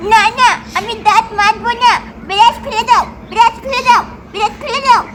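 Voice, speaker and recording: A woman's voice: very high-pitched, a little fast, a bit bright, a little hiss or hum, pitched above the performer's own voice. A woman voicing a small, frightened, whiny boy who cries and pleads, in a doll cartoon. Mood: stubborn whining. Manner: crying, pleading.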